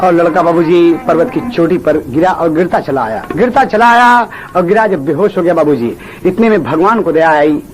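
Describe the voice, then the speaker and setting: A man with a Bhojpuri accent, the lead birha singer, telling a folk tale in spoken narration and loud, drawn-out sung lines. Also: a little high, soft background music.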